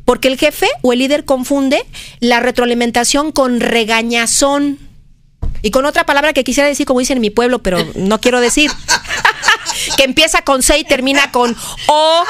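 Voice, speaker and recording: A woman, a motivational speaker on a radio show, preaching with many rhetorical questions and a pace that swings between fast and slow. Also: high-pitched. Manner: expressive, switching between fast and slow delivery. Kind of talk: radio conversation.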